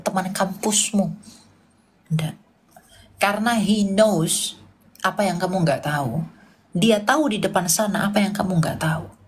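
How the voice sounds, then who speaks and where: A woman's voice: mid-range voice, slightly rough. A woman preacher teaching casually and emphatically, asking rhetorical questions and sometimes dropping to a whisper. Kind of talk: informal Q&A sermon.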